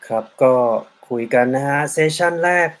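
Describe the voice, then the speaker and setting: A man hosting an interview, switching between languages and politely summarizing and translating his guest's answers. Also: moderate pace.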